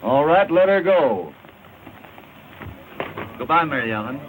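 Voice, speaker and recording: An actor playing a confident, easygoing mine boss in an early 1930s western film. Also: male voice, a little high, lively intonation, a little slow. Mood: commanding. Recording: noisy crackly 1930s film soundtrack.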